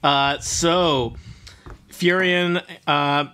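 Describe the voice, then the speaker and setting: A middle-aged man narrating an online tabletop game as game master, in a halting, conversational way. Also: fairly high pitch, fairly even intonation, pushed and bright, a little hiss or hum. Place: small room at home.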